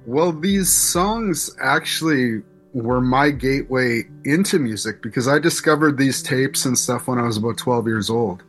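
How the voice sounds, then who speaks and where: Reflective Canadian musician, faint music. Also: male voice, mid-range voice, measured pace. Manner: reflective, thoughtful, with restarts. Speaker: musician guest. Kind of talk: interview conversation.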